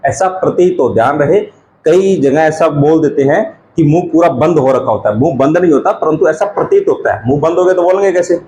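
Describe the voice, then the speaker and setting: A male teacher gives an exam-prep grammar lesson, asking questions and answering them himself while repeating key terms slowly. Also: fairly high pitch, darkish tone, a little hiss or hum, poor audio.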